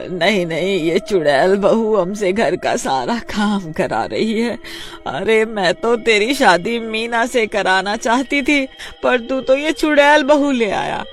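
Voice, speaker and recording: A man's voice: sits high, a bit bright, voice pushed up. A man voicing a fussy, nagging old mother-in-law in a cartoon story, whiny and easily frightened.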